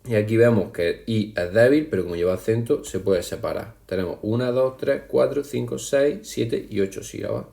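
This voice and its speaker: A man explains a lesson to his students in a slow, patient way, often counting things out aloud one by one. His voice sits low and sounds soft and mellow rather than bright. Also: vocal fry. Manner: patient, counts syllables aloud slowly, addresses students directly. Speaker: language teacher. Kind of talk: classroom explanation over slides.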